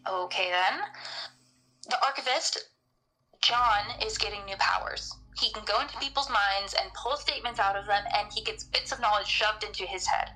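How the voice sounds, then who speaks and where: A woman with a mid-range, pushed and bright voice talks at normal speed, music playing behind her in a low-quality recording. As a podcast panelist in character as a researcher, she works through ideas matter-of-factly in a semi-improvised in-character discussion of a horror audio drama.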